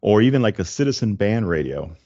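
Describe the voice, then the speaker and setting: A middle-aged man hosts a casual tech podcast, explaining things conversationally into a close desk microphone while wearing headphones. His lowish, dark-toned voice is very animated and a little fast, and the highs are cut off.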